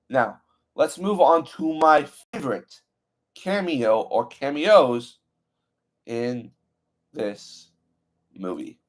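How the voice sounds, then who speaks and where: A man's voice: medium pitch, a little mellow. A man hosting his own channel, talking through a film in a casual, enthusiastic way, full of "you know" and "like" fillers. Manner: enthusiastic, rambling with many fillers. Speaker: channel host. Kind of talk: casual movie review talk.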